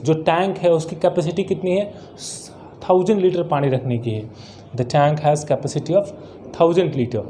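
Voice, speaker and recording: A man teaching vocabulary, his voice fairly high and warm. He reads example sentences slowly, then explains each one and asks and answers his own questions. Faint noise sits under the recording. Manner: mixes Hindi and English. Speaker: English teacher. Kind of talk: vocabulary lesson.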